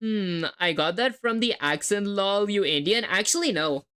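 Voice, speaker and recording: With lively intonation and a clear, resonant, fairly bright tone, a young woman speaks in a mid-range voice at normal speed. She's coding live on stream, thinking aloud, spelling words letter by letter, and chatting with viewers in a hard-to-place hybrid accent.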